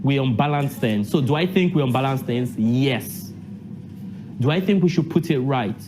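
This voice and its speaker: A man's voice: medium pitch, expressive, moderate pace, a little mellow, slight background noise. A man from Nigeria, talking emphatically in an interview, repeating phrases and asking himself questions. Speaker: university lecturer and assembly delegate. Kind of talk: casual interview.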